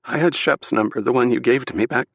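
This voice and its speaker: A frightened young wife speaks through tears, her voice cracked and aching, as a man puts her on in an audiobook. She pitches high above the reader's low natural register and sounds fragile and pleading. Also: fast, gravelly, a bit bright, dry recording. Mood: tearful relief. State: crying.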